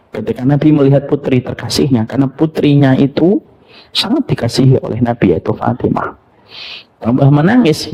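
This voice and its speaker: A middle-aged man preaching a lively sermon, asking his audience questions and dropping to soft near-whispers for tender moments. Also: mid-range voice, slightly rough. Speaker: Islamic preacher. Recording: dull lo-fi lecture recording.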